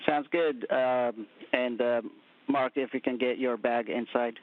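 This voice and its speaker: A man's voice: medium pitch, fairly even intonation, no echo. Man on a narrow space radio loop. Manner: brief, measured acknowledgements and instructions. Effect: space-to-ground radio loop. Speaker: ground controller talking to spacewalkers. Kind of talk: clipped radio calls. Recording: narrow, phone-like radio audio.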